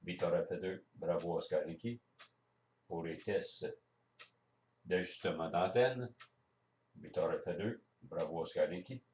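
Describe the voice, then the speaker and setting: An amateur radio operator with a low voice and a Quebec French accent gives a casual hands-on demonstration, explaining things step by step. He is unhurried, with long pauses and a darkish tone. The distant microphone picks up a roomy echo.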